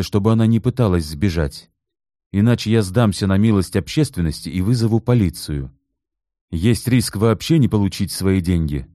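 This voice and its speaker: A stern ex-cop, read by a male narrator, firm and pressing. His voice sits a little above the reader's low, dark tone, close and dry. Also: no room sound, lightly acted. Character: stern former police officer, middle-aged man.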